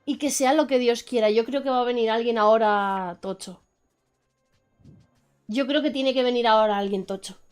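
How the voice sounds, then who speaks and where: A woman's voice: fairly high pitch, brisk, smooth, faint music behind. A woman giving chatty, playful live commentary as a game streamer. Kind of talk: casual live gameplay commentary.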